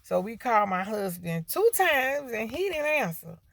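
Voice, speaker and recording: Gravelly-voiced woman in her fifties. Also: on the high side, sing-song, moderate pace, fairly bright tone, no room sound. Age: 50s. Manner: emotional, repeats "when I tell you" for emphasis. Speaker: grateful customer giving a testimonial. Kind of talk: heartfelt spoken testimony.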